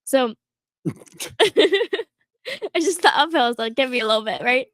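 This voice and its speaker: A high-pitched teenage girl chats through a rambling story, peppering every phrase with "like" and breaking into laughter. Her voice sits close on a podcast mic in a dead, dry room with no echo. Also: sing-song, slow. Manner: chatty, full of "like" fillers, laughs often. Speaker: podcast co-host. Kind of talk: casual storytelling chat.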